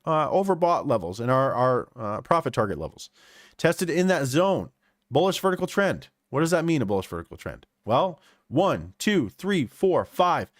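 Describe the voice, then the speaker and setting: A man streaming live, commenting on trading charts in an animated way and repeating phrases for emphasis. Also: a little high, no room sound, clean studio sound.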